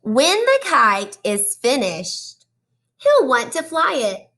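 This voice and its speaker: High-pitched and unhurried, a female reader brings a teacher's expressiveness to a storybook read-aloud for young children, speaking straight to them with questions and praise.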